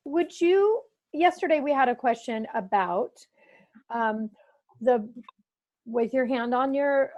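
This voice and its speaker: A woman's voice: sits high, a little mellow. A woman moderating an online class in a casual, conversational way. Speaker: session moderator.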